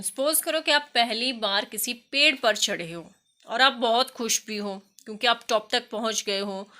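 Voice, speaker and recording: A woman teacher explaining an English lesson, reading English sentences slowly and loudly and spelling words letter by letter. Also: on the high side. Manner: spells words letter by letter, addresses students as beta. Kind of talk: recorded classroom lesson.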